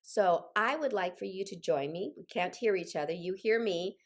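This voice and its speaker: An older woman recovering from a cold leads a group singing session over a video call, her voice on the low side and moderately paced. As a choir leader and singing instructor, she's encouraging and directive, adding personal asides along the way.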